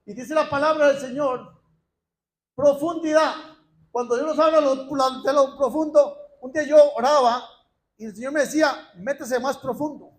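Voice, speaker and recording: Very high-voiced male preacher. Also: steady tone. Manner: fervent and repetitive, reads scripture slowly. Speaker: lay preacher. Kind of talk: sermon.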